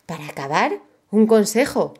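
A woman reading a children's story aloud as storyteller, in an expressive storytelling manner. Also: medium pitch, normal speed, breathy edge.

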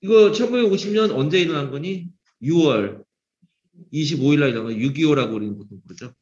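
A man with a fairly high voice teaches an English grammar class in a classroom, calling on students by name and slipping in teasing jokes. The sound is dull and lo-fi. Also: quick pace, darkish tone. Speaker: English teacher at a cram school.

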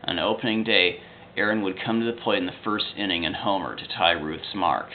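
A man's voice: low voice, a little fast, a little hiss or hum. A young man steadily reading a fact-heavy sports history narration into a webcam in a small room at home. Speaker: video narrator. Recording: tinny lo-fi webcam audio.

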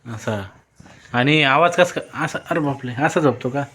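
A man's voice: medium pitch, unhurried, fairly bright tone. A man at home filming a small child, playfully coaxing with repeated questions. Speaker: parent filming a toddler.

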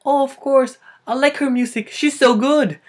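This is a breathless, high-pitched older fan, as a young man puts him on. He speaks with a Filipino accent and gushes eagerly. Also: moderate pace. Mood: gushing. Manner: high, excited, fawning.

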